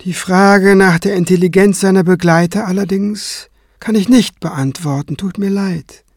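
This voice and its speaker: A composed cleric with a dry, cutting wit, as a male audiobook reader puts him on. He speaks evenly and a touch higher than the reader's own voice, recorded dry and close. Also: takes it slowly, dry recording. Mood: calm. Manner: calm and dry. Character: calm, dryly sarcastic male cleric.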